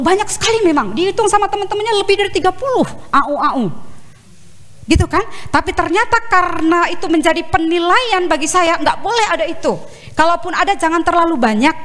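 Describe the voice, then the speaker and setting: A middle-aged woman, a lecturer giving a lively public speaking talk with chatty asides and plenty of rises and falls in pitch and pace. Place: campus hall. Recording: reverberant hall.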